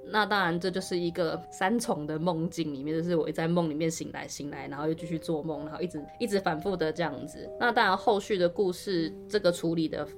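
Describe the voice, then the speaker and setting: A woman with a fairly low voice tells a first-person story on a podcast. Her talk is chatty and loose, full of fillers and restarts. Soft music plays faintly underneath. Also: fairly quick, few pauses. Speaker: podcast co-host.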